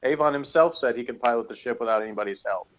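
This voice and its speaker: A man with a mid-range voice talks at a quick pace as a podcast co-host reviewing TV episodes. In this casual review chat he hedges and rambles as he makes his case.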